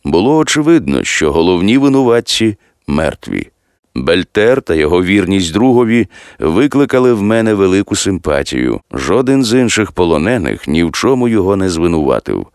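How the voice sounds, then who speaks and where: A male audiobook narrator with a very low, gravelly voice that still reads smooth and resonant. His delivery is lively and varied. The recording is dry and close. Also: normal speed, no room sound. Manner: expressive storytelling.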